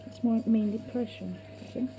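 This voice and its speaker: A woman's voice: fairly high pitch, steady tone, moderate pace. A woman dentist talking a patient through treatment in short, simple remarks. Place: small dental surgery. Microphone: action camera, slightly away. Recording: noisy clinic room on action camera.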